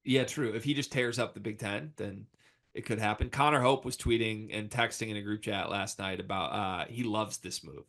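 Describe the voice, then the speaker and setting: A man's voice: on the low side, moderate pace, a bit bright. An American man co-hosting a casual sports talk show, speaking emphatically in informal slang and hyperbole. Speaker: sports podcast host.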